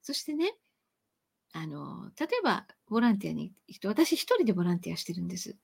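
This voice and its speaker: A woman hosting a live-stream lesson on reading aloud, talking with lively emphasis, stretching some words and rushing through asides. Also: on the low side, gravelly, slightly rough. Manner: lively and animated, with sudden loud chanted demonstrations.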